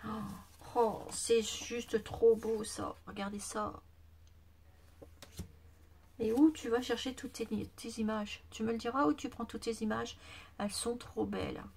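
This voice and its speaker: A woman's voice: on the high side, steady tone, measured pace, creaky, a little mellow, slight background noise. A woman showing off gifts she received in a casual vlog, gushing and exclaiming, sometimes dropping to a whisper, with a voice that is giving out. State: losing her voice. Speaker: craft vlogger. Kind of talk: casual unboxing chat to camera.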